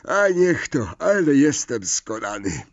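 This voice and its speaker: A man's voice: mid-range voice, expressive, slow, dry recording, dull audio, pitched above the performer's own voice. A man voicing a cheeky, teasing teenage boy wizard in a storybook reading.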